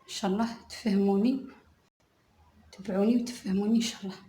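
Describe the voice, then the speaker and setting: Woman teaching crochet, soft, mellow voice, slow stitch counting, roomy echo. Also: medium pitch, steady tone. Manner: soft-spoken, counts stitches aloud slowly. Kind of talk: step-by-step tutorial narration.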